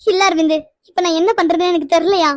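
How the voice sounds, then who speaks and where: A woman voicing a weary, soft-spoken middle-aged mother in a cartoon, answering hesitantly and quietly. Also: extremely high pitch, steady tone, fast. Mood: subdued. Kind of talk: animated cartoon dialogue.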